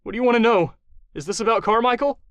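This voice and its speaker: A man voicing a terrified male federal agent who has been captured, pleading in a shrill, panicked voice for an audiobook. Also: fast talker, a bit bright, dry recording. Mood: desperate pleading. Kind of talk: audiobook character voice.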